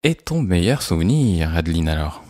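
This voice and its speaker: A man's voice: deep voice, big pitch swings, normal speed, a little mellow, no echo, clean studio sound. A man interviewing a guest with brief, friendly questions.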